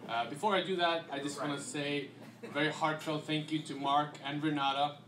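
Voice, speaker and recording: An Icelandic man in his thirties talks an audience through his slides in a relaxed, chatty way, with lots of fillers. His voice sits a little high. A handheld mic carries it through a dim, echoing event room with faint background noise. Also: fairly quick. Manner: relaxed, conversational with frequent fillers. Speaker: guest presenter. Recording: echoey room.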